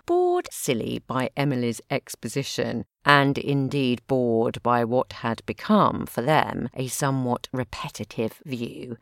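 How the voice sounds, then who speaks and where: A woman's voice: extremely low pitch, dry recording, heavily acted. A woman narrating an audio drama in the first person with a dry, self-deprecating wit. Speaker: narrator and lead character.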